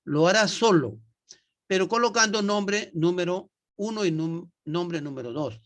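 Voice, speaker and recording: With a high voice and lively intonation, a man teaches English to nursing students online in an unhurried way. He repeats things patiently and keeps asking tag questions to confirm the class is following.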